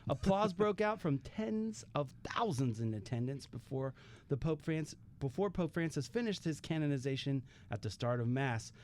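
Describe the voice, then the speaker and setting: A man's voice: a little high, lively intonation, moderate pace, a little mellow, a little hiss or hum. A man co-hosting a radio show in a studio, teasing his co-hosts and laughing often. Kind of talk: casual radio banter.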